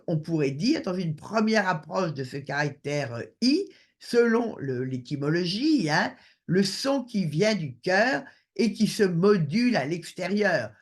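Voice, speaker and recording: A man giving an online lecture over a video call, hesitant with many filler sounds. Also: high voice.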